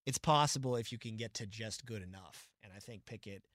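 A man co-hosting a casual sports podcast, talking in an animated, opinionated way with quick asides. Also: fairly low pitch, no echo, clean studio sound. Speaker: podcast co-host.

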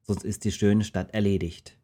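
God speaking from on high in a rhyming storybook, read by a man. The voice is calm and commanding, with a low, warm tone. The delivery is measured and stately. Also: close to an everyday voice. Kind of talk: storybook reading in rhyme.

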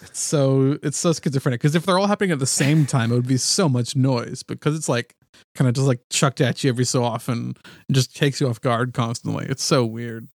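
A man's voice: medium pitch, fairly even intonation, a little fast, gravelly, no room sound. Man in casual music chat, dry close sound. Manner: hesitant, many fillers, laughs along. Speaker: podcast co-host.

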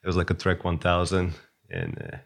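A man's voice: low voice, very animated, fairly quick, vocal fry. A man, a guest chatting casually and hesitantly, with many fillers and restarts. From Russia. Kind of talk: casual interview chat.

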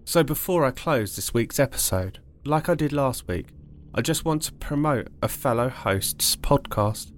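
A man's voice: medium pitch, expressive, a little slow, slight background noise. A man hosting a podcast, reading his closing notes and appeals to listeners in an earnest, pleading way. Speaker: podcast host. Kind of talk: scripted podcast narration.

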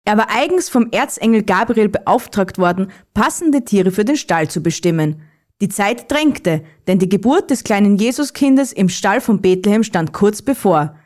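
A woman narrates a children's Christmas story in a calm, even voice. She reads steadily, at a mid pitch, like a host of a kids' advent audio series. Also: normal speed. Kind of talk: reading a children's story aloud.

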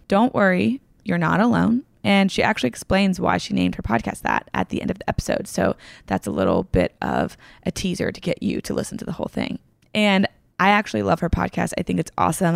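A woman podcast host with a medium-pitched voice and vocal fry chats casually and gushes through an intro and interview, using lots of filler words. It's a dry recording captured over a remote call.

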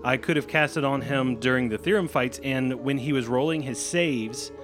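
A man's voice: mid-range voice, normal speed, music in the background. A man playing a tabletop game, explaining spell rules at length. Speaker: player.

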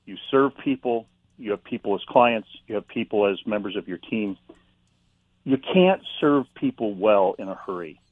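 Male author guest, calm and reflective, dry and slightly muffled line. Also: fairly low pitch, moderate pace, no echo. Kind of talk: interview about faith and slowing down.

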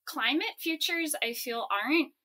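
A woman from Hawaii speaks as an interview guest in a bright, slightly high voice. She thinks aloud, pausing on fillers and restarting her sentences. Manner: thoughtful, hesitant, many fillers. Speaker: guest, story writer. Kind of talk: interview answer.

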